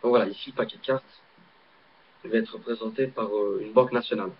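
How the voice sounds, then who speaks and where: A man's voice: fairly low pitch, fairly even intonation, quick pace. A man with a Belgian French accent, casually demonstrating a card trick in a rambling, hesitant way with many fillers, recorded on a laptop webcam mic. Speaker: amateur magician. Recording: dull lo-fi webcam audio, faint hiss.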